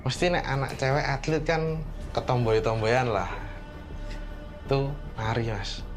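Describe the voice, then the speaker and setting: A man recounts events in a chatty, familiar way, often calling his listener by a polite address. His pitch is middling. Faint music plays behind. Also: unhurried. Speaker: interviewee. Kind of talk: casual testimony to an interviewer.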